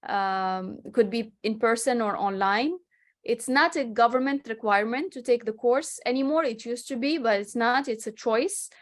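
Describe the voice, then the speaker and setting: A Moroccan woman in her 30s, a guest real estate agent, answers interview questions over a video call from home, a city skyline behind her. She talks in a chatty, explanatory way with many restarts, her voice on the high side at a moderate pace.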